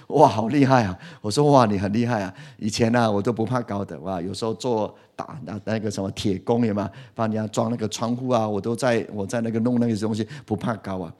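A middle-aged man preaching a sermon. He keeps asking the congregation questions and swings from loud to soft. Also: on the low side. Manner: lively, asks the congregation questions, animated swings in loudness. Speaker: pastor.

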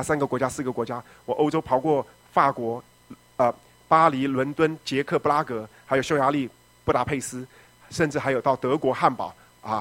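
A middle-aged man, a pastor giving a testimony sermon, telling his story dramatically and moving between loud shouting and quiet, low speech.

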